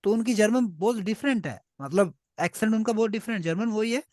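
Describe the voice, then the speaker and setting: Teaching German to beginners online in Hindi-Urdu, this man, whose first language is Punjabi, is patient and frequently asks "ठीक है" to make sure the class follows. He sounds high, animated, brisk and a little mellow, on a dry, clean studio recording.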